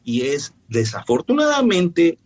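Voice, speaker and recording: A man speaks as a doctor in an interview, his voice husky and pitched a little high. He explains in a firm, teacherly way, listing his points one by one. The recording sounds dull and lo-fi. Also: wildly swooping pitch, unhurried. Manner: emphatic, didactic, lists points firmly. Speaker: functional medicine doctor.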